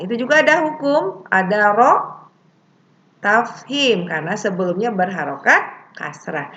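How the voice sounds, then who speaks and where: A woman teaching Quran recitation rules, explaining plainly and chanting the verses slowly. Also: medium pitch, sharp tone. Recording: dull lo-fi recording with faint hiss.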